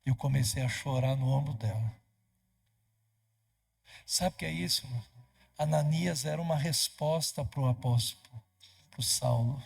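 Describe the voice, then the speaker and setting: Brazilian pastor, storytelling sermon, animated voicing of dialogue, raspy and very gravelly. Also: male voice, mid-range voice, moderate pace, long pauses. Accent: Brazilian Portuguese. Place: church.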